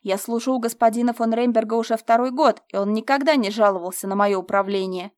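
Brief: woman reading a stout, blustering male steward, loud and indignant, high-strung shouting in an audiobook. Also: steady tone, fast, dry recording, studio quality, lightly acted. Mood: furious. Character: blustering thieving male estate manager, middle-aged.

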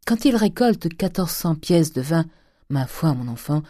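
Meek, devout mother, gentle and unsure, read by a woman; low, warm. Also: big pitch swings, a little slow, dry recording, studio quality, full character voice. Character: timid pious middle-aged mother, meek.

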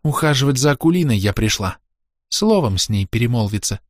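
A man reading an audiobook, voicing a sly, defiant young woman who speaks softly with a teasing edge. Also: mid-range voice, lively intonation, a little fast, no echo, clean studio sound, pitched above the performer's own voice, natural voice. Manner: soft, teasing, quietly mocking.

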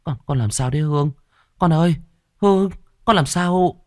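A man voicing a frantic middle-aged mother who scolds in a shrill voice and then turns grave, in a told ghost story. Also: moderate pace, a little mellow, no echo, clean studio sound, natural voice.

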